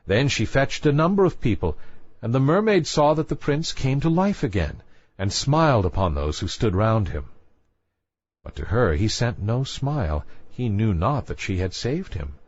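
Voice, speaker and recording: Telling a children's fairy tale at normal speed, a man with a fairly low voice animates it with lively rises and falls in pitch. The sound is very dry, with no room ambience, and a little muffled with a lo-fi dullness.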